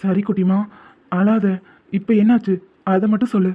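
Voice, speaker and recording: A man voicing a devoted, protective young man in a cartoon, talking earnestly and gently comforting. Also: high-pitched, level tone, normal speed. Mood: tender. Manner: earnest, soft-spoken comforting. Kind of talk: cartoon voice acting. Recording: tinny phone-like sound.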